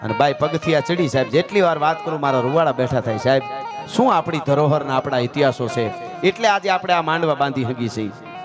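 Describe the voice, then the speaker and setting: Guy telling folk tales live, dramatic and punchy, highish voice, music under it. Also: fairly quick. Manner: dramatic, rhythmic, jokes with the audience. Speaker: folk storyteller. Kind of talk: live folk storytelling (dayro). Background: folk instrumental music.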